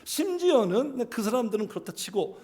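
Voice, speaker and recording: A male pastor preaching a lively sermon, leading the congregation in reading scripture aloud and acting out scolding parents, swinging between loud and soft. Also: extremely high pitch, normal speed.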